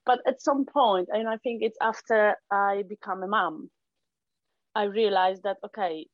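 Speaking a little slowly in a mid-range voice, a middle-aged interview guest with a Polish accent talks casually about the kids' arts venue she started. She hesitates a lot, restarting sentences and filling pauses with "um." The audio is dry, narrow and tinny.

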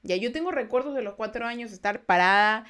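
A young woman telling true ghost stories in casual podcast talk, acting out quoted lines with loud bursts and often restarting her sentences. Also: fairly high pitch, lively intonation, fairly quick. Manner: frequent restarts, turns quiet and reflective. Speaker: podcast host. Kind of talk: casual storytelling.

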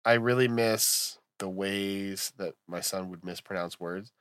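A man's voice: low voice, steady tone, unhurried, a bit bright, smooth, no echo, clean studio sound. A man co-hosting a podcast, chatting casually with a teasing, laughing manner. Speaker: podcast co-host.

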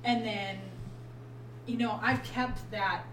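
A woman's voice: a little high, steady tone, takes it slowly. A woman telling personal stories in a casual, bantering group chat, often acting out what she said. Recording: roomy echo, distant mic, clear background noise.

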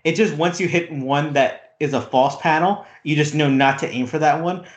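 A man's voice: a little high, moderate pace. Casual male podcast co-host, rambling recap, echoey room. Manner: rambling, many "like" fillers, animated retelling. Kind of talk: casual chat recapping a reality show. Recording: roomy echo.

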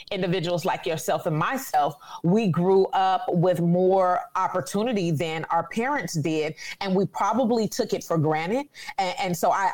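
In a conversational interview, a woman in her forties from Sacramento, California speaks earnestly and reflectively. Her voice is fairly low and a little mellow.

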